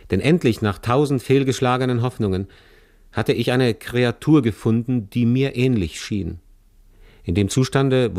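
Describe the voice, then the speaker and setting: A man narrating a literary story in the first person, measured and serious. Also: on the low side, darkish tone, no room sound, clean studio sound. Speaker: audiobook narrator.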